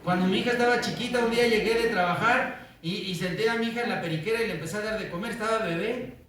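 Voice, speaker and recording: A male pastor preaching in a fairly high voice. He tells stories with animation, acts out the voices in them and keeps checking in with his congregation. He is heard from some distance in a strongly echoing church. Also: fast talker, slight background noise. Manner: animated storytelling, acts out quoted voices, asks "¿verdad?" often. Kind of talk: sermon. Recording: echoey church, voice from off-mic.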